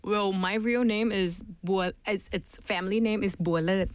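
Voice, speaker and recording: A woman's voice: medium pitch, steady tone, normal speed, clear, resonant tone, no room sound. A young woman from Thailand with a Thai accent, chatting casually as an interview guest in English as a second language. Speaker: interview guest, master's student.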